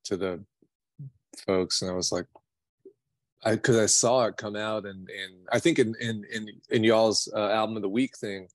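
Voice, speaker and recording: With a fairly low pitch, fairly even intonation and a moderate pace, this American singer-songwriter from New York City chats casually and rambles in an interview, using slang and making fun of himself. No room sound is audible.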